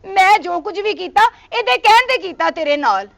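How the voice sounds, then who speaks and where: A suspicious wife, played by a woman in a comedy sketch. Her voice is very high with a gravelly fry. She is easily swayed by gossip. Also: expressive, moderate pace, fairly bright tone, exaggerated voice. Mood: pleading. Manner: scolding, then pleading.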